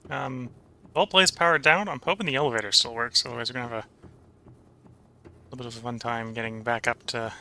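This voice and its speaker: A man giving casual gameplay commentary as he plays, thinking aloud in a halting way. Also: mid-range voice, bright, forceful tone. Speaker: host of a blind video game playthrough.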